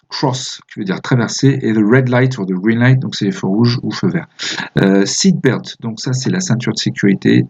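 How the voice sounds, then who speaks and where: Husky-voiced man slowly explaining a lesson. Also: on the low side, a little mellow, dull audio. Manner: patient, explaining step by step with many fillers; reads example sentences slowly and carefully. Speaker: English teacher. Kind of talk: recorded remote lesson.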